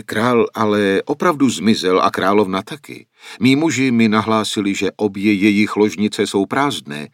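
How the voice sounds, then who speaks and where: A man's voice: fairly low pitch, no echo, studio quality, close to an everyday voice. A man voicing a dutiful palace guard captain who reports in an urgent way.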